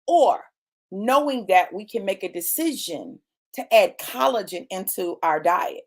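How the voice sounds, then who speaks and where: A preacher in her late fifties gives a motivational sermon in a mid-range, expressive voice at a slightly slow pace. She is emphatic and repetitive, calling her listeners "y'all" and "baby."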